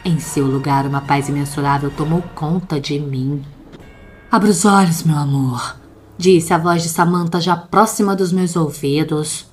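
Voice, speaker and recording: A woman's voice: low voice, fairly even intonation, normal speed, hardly any pauses. A woman narrating a first-person horror story in a tense, dramatic way. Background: faint background music.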